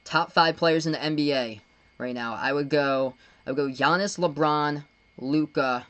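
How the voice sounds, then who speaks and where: Young man from Massachusetts calling basketball live. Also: a little high. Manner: rapid, excited calling of the action, relaxed chatter with viewers. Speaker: live-stream sports commentator. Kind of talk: live play-by-play with chat shout-outs.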